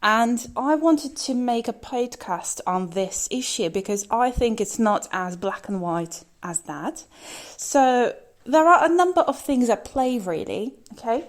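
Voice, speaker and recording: A woman's voice: a little high, expressive, a little slow. A woman who grew up in the UK, speaking British English with a slight Russian twang, talking casually and with conviction as an English teacher hosting her own podcast, with many fillers and restarts. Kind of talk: solo podcast talk.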